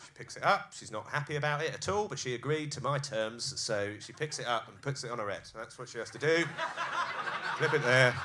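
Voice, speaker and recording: A man's voice: mid-range voice, background noise. A man doing a live stand-up set in a comedy club, acting out scenes with crude jokes. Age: 30s.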